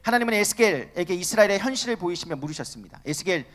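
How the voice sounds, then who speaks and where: A man's voice: high voice, lively intonation, racing, fairly bright tone. A man preaching a sermon to a youth congregation, emphatic and asking his listeners rhetorical questions.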